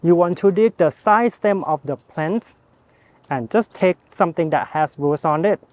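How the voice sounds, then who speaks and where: Higher-voiced man. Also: measured pace, no room sound. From Thailand. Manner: chatty, relaxed, speaks to viewer directly. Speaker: gardening channel host. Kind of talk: casual how-to gardening vlog. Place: outdoors in a home garden.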